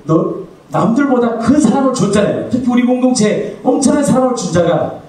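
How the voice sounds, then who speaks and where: A man's voice: lively intonation, brisk. Echoey preaching pastor, man. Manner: asks the congregation questions and answers them; swings between soft low asides and raised exclamations. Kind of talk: sermon. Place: church sanctuary. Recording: echoey, from far off the mic.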